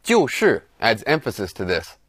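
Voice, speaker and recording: Animated male language-lesson host. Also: medium pitch, moderate pace, no echo, clean studio sound. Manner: clear explaining, shifts between English and Chinese. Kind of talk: scripted lesson narration.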